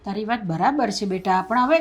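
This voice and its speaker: An actress playing a mother-in-law who calms her elder daughter-in-law and makes excuses for the younger one. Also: mid-range voice, fairly quick, close to an everyday voice. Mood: placating. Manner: calming, placating. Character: soothing mother-in-law, peacemaker, indulgent. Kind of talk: Gujarati family stage drama.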